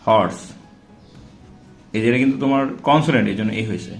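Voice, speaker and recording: A male grammar teacher in a medium-pitched voice talks through a lesson in a casual, classroom way. He spells out and repeats example words and keeps asking rhetorical check-in questions. The sound is roomy, with a clear echo. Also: quick pace, soft background music.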